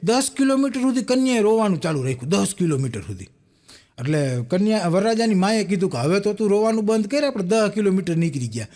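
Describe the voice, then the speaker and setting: A man's voice: high-pitched, very animated, fast, darkish tone. A young man, telling jokes as comic stories and acting out the people in them. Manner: acts out the people in each joke, with punchlines. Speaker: stand-up joke teller.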